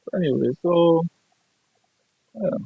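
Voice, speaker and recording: Brief: young Nigerian-accented streamer, husky voice, blunt and profane, looping his points; dull lo-fi recording. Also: on the high side, lively intonation, slow pace, no echo. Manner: blunt, profane, repeats himself. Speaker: gaming streamer. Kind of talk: casual ranting chat. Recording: dull lo-fi dry sound.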